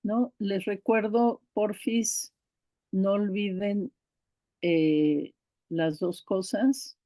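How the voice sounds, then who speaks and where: A woman's voice: medium pitch, fairly even intonation, extremely slow, warm tone, no echo. A woman teaching an online course, explaining step by step, restarting words and checking in with her listeners. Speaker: course instructor. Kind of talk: online lecture on pronunciation teaching.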